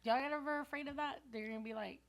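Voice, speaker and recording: A woman chatting on a podcast in a studio, blunt and profane and quick to laugh. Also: high-pitched, vocal fry. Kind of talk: casual chat.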